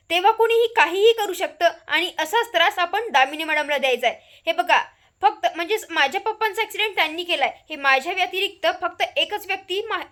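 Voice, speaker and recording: A woman's voice: very high-pitched, fairly bright tone. A woman voicing a young wife who coaxes her in-laws into a plan to torment an enemy. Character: scheming young wife plotting revenge.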